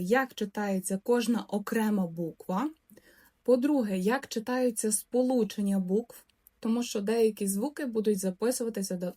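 Casting: young woman, language teacher, clear and patient, stretches out example words for repetition. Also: fairly high pitch, warm tone. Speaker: Polish teacher. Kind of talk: language lesson.

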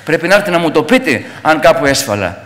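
A man's voice: a little high, big pitch swings, fairly bright tone, big-room sound. A middle-aged man giving a fervent, repetitive testimony to a church congregation.

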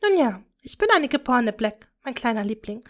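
A woman's voice: fairly high pitch, very animated, moderate pace. A woman voicing a proud, scheming aristocratic witch and mother, speaking intensely and possessively to her daughter. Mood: conspiratorial.

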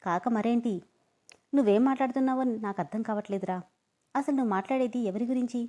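A self-assured young man who grills his friend with pointed questions, as a woman narrator puts him on. His voice sits fairly high and firm. The storybook telling stays close and direct. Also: fast, warm tone, natural voice. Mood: questioning. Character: confident young man, amused then stern.

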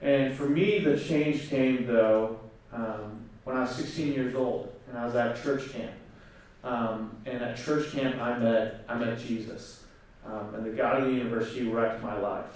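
An earnest young conference speaker, in his twenties, tells his personal story on stage through a handheld mic, leaning on fillers and pauses. He was born in South Korea and grew up in Oklahoma. The distant recording in a large echoey hall catches his mid-range, darkish voice and fairly even intonation.

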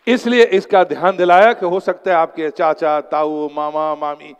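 A man's voice: fairly high pitch, little pitch movement, unhurried, clear, resonant tone, lo-fi sound. A man giving a motivational seminar talk as an exam coach, telling stories and mixing English phrases into his Hindi. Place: lecture hall. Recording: long hall reverb.

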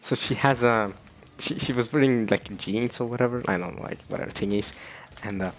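A man's voice: medium pitch, brisk, slight background noise. A young man vlogging in a casual, rambling way, with many fillers and restarts, often breaking into laughter. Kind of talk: casual chat.

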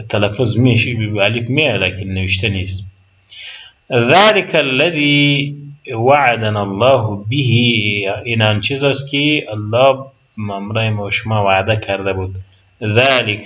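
Afghan Dari lecturer, dull lo-fi sound. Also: male voice, on the low side, fairly bright tone. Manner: explains patiently, reads examples slowly, then translates. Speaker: university Arabic lecturer. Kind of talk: recorded lecture.

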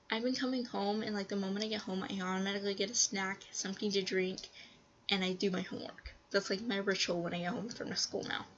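A woman with a blocked, stuffy nose talks casually to her viewers in a rambling vlog, often pausing on "um". Her voice sits at a middle pitch. The recording is dull and lo-fi, with a faint hiss behind her. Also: fairly even intonation, fairly bright tone. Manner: chatty, rambling with frequent ums. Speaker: vlogger.

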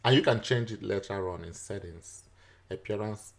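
A man teaching a screen-recorded software tutorial, explaining each step patiently, with frequent fillers and chuckles. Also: on the low side, moderate pace.

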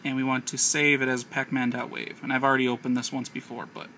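An American man with a mid-range voice and sharp tone talks fast and level as he narrates an unscripted, hands-on tech tutorial, explaining each step. The audio is noisy, from an amateur handheld camera.

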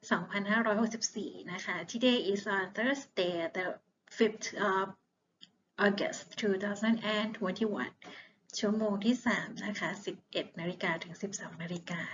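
Slow-speaking woman teacher, encouraging tone. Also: mid-range voice, highs cut off, slight background noise. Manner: slow, encouraging, mixes Thai and English. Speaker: primary school English teacher. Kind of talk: online classroom lesson.

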